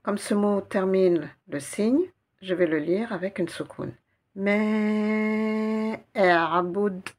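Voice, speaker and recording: A woman patiently teaching Arabic reading, spelling out letters and repeating syllables slowly. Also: medium pitch, a little mellow. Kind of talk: guided reading lesson.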